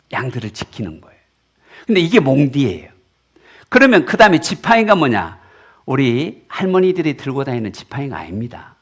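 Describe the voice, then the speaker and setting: A middle-aged pastor preaches with a very lively, somewhat high voice. He swings between loud emphatic declarations and hushed, intimate storytelling. He asks his congregation questions and answers them himself. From Korea. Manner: rises to loud emphatic peaks, then drops to quiet storytelling. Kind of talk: sermon.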